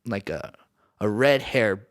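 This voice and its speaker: A man's voice: lowish voice, expressive, slow. A man from Southern California, a podcast guest, telling casual stories in a rambling, slangy way with lots of fillers and restarts. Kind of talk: casual storytelling.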